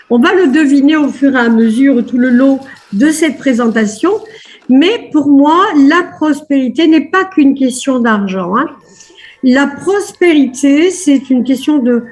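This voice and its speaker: A woman's voice: high-pitched, darkish tone. A woman life coach leading a live online coaching webinar over a video call, upbeat and chatty, often repeating words of praise between fillers.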